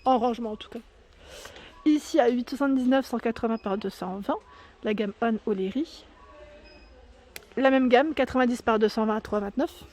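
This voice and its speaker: A woman's voice: on the high side, normal speed, pauses often, a little mellow. A woman filming a casual walkthrough of a store, reading out prices, sizes and labels with small fillers and self-corrections. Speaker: shopping vlogger. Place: inside a large discount store.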